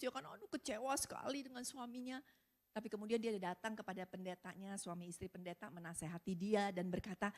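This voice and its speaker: A woman pastor preaching to a women's service, telling a story with animated, rising emphasis. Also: medium pitch. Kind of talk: sermon with storytelling.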